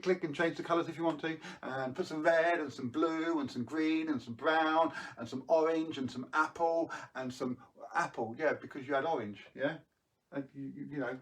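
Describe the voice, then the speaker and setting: A man's voice: on the high side, normal speed. A man presenting tricks as a kids party magician on a live show, chatty and playful, coaxing viewers to join in.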